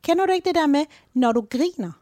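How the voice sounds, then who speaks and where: High-voiced, chatty woman explaining. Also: no echo, studio quality. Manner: lively, talkative, frequent tag questions. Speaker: podcast co-host explaining mood psychology. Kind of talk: casual explanatory chat.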